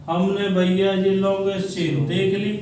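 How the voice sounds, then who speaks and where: This male chemistry teacher speaks a little slowly in a high, slightly mellow voice with little pitch movement, recorded far off in an echoey room with a faint hiss or hum. Working at the board, he quizzes students and repeats key words for them to answer back.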